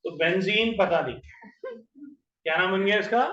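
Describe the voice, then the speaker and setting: A man teaching chemistry in a classroom, quizzing students by name and slowly repeating each compound name. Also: high voice, a bit bright. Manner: questions students by name, drills terms slowly. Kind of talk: classroom lecture. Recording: roomy, distant, dull lo-fi classroom audio.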